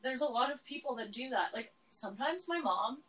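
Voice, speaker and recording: A woman's voice: high-pitched, expressive, a little fast, a bit bright. A young woman from Alberta, Canada co-hosting a podcast in casual chat, often hunting for the right word. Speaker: podcast co-host. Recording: slightly distant mic with faint room noise.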